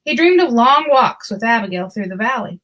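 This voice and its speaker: Here a woman's slightly high voice carries a children's story, read aloud with careful, expressive pacing in classic storyteller fashion.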